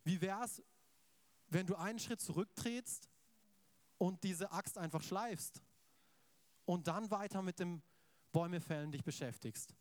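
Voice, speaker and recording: High-voiced man preaching a casual sermon. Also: unhurried, pauses often, dry recording. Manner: keeps asking the congregation for agreement; casual, conversational storytelling of scripture.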